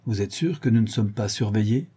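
A man's voice: lowish voice, expressive, brisk, mellow, husky. A man reading a cautious, anxious male accomplice who asks worried questions.

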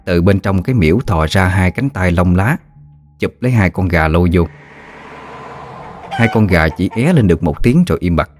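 A man with a Southern Vietnamese accent narrating a ghost story in a lively, colloquial way. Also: deep voice, moderate pace, pauses often. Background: faint music.

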